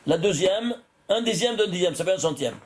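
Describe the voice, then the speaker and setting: A rabbi gives a Torah lesson in a high, lively, brisk voice. He addresses his listeners directly, often chuckling as he explains, restarting phrases and making sure they are keeping up.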